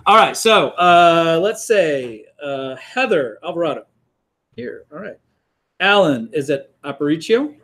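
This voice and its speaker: A man's voice: fairly high pitch, expressive, slow, a bit bright. A middle-aged man teaching a college class, talking casually with many fillers and restarts while he calls roll in a classroom. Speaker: college instructor. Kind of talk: classroom lecture, taking roll call.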